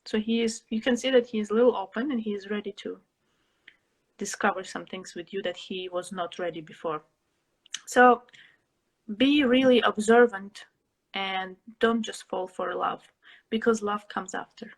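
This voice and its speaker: A young woman from Russia, an interview guest who answers thoughtfully, pausing to find her words. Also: mid-range voice, breathy edge, low-quality recording. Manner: reflective, pauses to find words.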